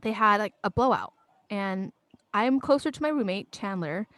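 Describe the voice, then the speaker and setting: A young woman co-hosting a podcast, telling a story in a casual, animated way and often acting out her friends' words. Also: mid-range voice, normal speed, dry recording. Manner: animated, acts out friends' quotes, laughs often. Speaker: podcast co-host.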